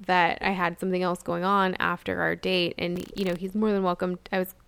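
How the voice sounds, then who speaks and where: A woman's voice: lowish voice, flat delivery, a little fast, vocal fry, fairly bright tone, smooth. A young woman co-hosting a podcast, telling stories in a chatty, laughing way. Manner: chatty storytelling with frequent laughs. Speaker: podcast co-host. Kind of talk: casual chat.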